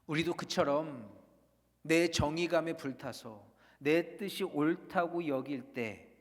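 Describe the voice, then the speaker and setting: A man preaching as pastor in a church, his voice sitting a little high for a man and carrying a long reverb from the large room around him. He swings between loud, urging passages and hushed, almost whispered ones. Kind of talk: sermon.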